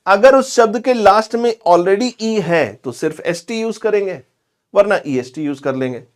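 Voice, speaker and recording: High-voiced grammar teacher. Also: male voice, lively intonation. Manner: chatty and scolding, calls students "bhai" and "pagle"; stretches example words out slowly. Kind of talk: classroom lecture.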